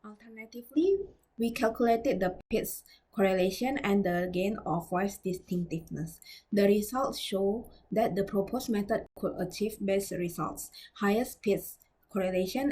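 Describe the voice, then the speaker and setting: A researcher gives a scripted academic presentation, reading formally and carefully with slightly halting phrasing. Her medium-pitched voice has a darkish, slightly rough tone, and the recording is rough.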